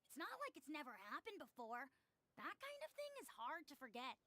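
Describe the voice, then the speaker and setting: A woman's voice: high-pitched, huge pitch swings, brisk, pushed and bright, no room sound, heavily acted. A woman voicing a scheming young boy in a game, reporting on others in a cool, tattling, matter-of-fact way.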